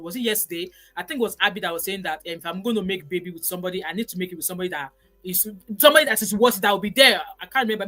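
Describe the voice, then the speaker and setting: Chatty fast-talking Nigerian woman. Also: medium pitch, a bit bright. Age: 40s. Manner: chatty, emphatic, drops in pidgin words. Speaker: live-stream host reading viewer comments. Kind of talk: casual live-stream commentary.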